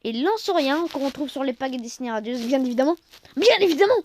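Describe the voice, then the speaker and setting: A woman hosting a card-collecting channel, reviewing a new set in casual commentary, exclamatory, playful and self-mocking, sometimes loud and then dropping to soft asides. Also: high voice, brisk, slight background noise.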